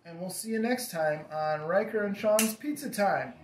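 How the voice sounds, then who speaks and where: A man's voice: sits high, normal speed, soft background music. Easygoing man hosting a home pizza review. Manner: easygoing, talks to his son, many ums and likes. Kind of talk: casual food review chat. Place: home dining table, indoors. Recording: roomy home echo.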